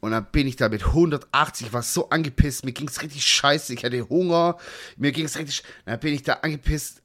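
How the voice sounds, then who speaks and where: A man co-hosting a podcast, telling stories in a casual chat with an animated, ranting delivery full of slang and swearing. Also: mid-range voice, a little fast. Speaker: podcast co-host.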